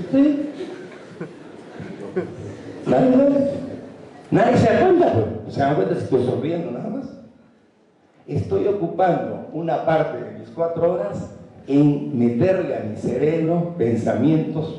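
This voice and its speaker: Male motivational speaker, dark mellow tone, animated delivery, roomy hall sound from afar. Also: a little high, lo-fi sound. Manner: animated, acts out examples and repeats for emphasis. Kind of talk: motivational talk to a university audience. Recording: echoey hall, speaker far from mic.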